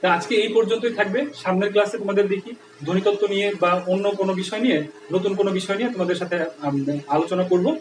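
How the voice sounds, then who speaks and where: Fast-talking guy teaching a grammar class, keeps asking "right?", sounds far off in an echoey room. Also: sits high, fairly even intonation, background noise. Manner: explanatory, with frequent checks like "right?". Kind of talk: online Bangla grammar lesson.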